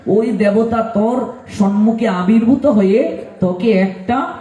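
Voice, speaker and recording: A stern old sage, as a male preacher puts him on hands down grave, slow warnings. The voice sits high yet dark. The room is echoey and the mic is set back. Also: lo-fi sound. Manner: solemn, commanding, warning.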